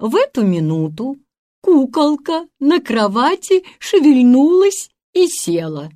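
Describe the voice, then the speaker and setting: A woman narrating a storybook with expressive reading and voices for each figure. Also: sits high, takes it slowly.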